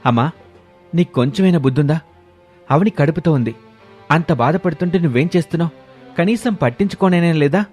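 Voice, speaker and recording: A man's voice: mid-range voice, steady tone, a little mellow, soft background music, close to an everyday voice. A man voicing a worried young husband who talks earnestly and protectively in a storybook tale. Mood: reproachful. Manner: earnest, rising to a quick scolding.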